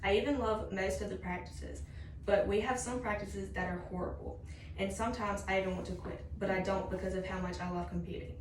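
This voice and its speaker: A woman's voice: mid-range voice, fairly even intonation, fairly quick. A young adult woman delivering a prepared introductory speech as a student, moving point by point in a scripted, signposted way. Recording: roomy, distant mic with faint noise.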